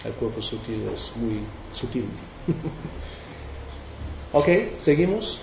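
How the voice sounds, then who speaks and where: A man's voice: mid-range voice, lively intonation, takes it slowly, creaky, background noise. A man leading a devotional class, explaining verses in a hesitant way with many restarts. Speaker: spiritual teacher. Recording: roomy, dull recording.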